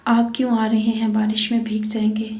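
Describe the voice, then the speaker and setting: A scared young wife pleading timidly, read by a woman. The voice is higher and mellow, with a flat delivery, in an echoey room. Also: normal speed, natural voice.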